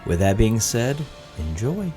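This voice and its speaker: Man, very deep voice, lively pitch swings, muffled underwater-sounding mic audio. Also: a little slow, soft background music. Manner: plain, apologetic welcome. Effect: muffled, underwater-sounding audio from a faulty mic. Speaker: host of a card game match commentary. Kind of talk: casual spoken show intro.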